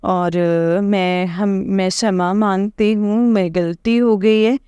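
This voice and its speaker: Slow, smooth-voiced woman telling a devotional testimony. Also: mid-range voice, fairly even intonation, mellow, no room sound, dull audio. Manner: meandering, with hesitant fillers and frequent address to the listeners. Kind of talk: rambling personal testimony to a congregation.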